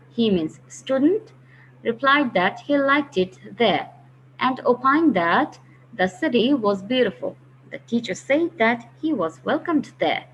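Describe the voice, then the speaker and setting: A woman teaches a grammar lesson, patiently explaining and repeating key phrases. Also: on the high side. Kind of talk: recorded online grammar lesson. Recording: dull lo-fi recording with faint hiss.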